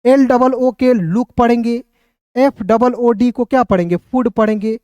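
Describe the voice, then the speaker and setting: A man's voice: extremely high pitch, a little slow, dark tone, no room sound. A male teacher giving an online phonics lesson, spelling words out letter by letter, asking the viewers questions and answering them himself. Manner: addresses viewers as friends, asks and answers own questions.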